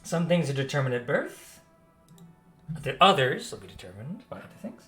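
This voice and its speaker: A man narrates a tabletop fantasy game as its game master. He improvises, circling back to repeat and rephrase his descriptions in a middle-pitched voice. Music plays behind him. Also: sing-song, moderate pace, a bit bright. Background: background music.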